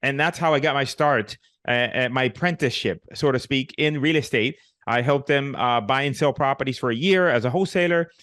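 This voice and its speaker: A man's voice: mid-range voice, fairly quick, hardly any pauses, fairly bright tone, no echo, studio quality. A middle-aged man from Puerto Rico with a Puerto Rican accent, telling his story as a guest in a casual interview, joking and dropping in many fillers and restarts. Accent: Puerto Rican Spanish. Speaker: guest, real estate investor.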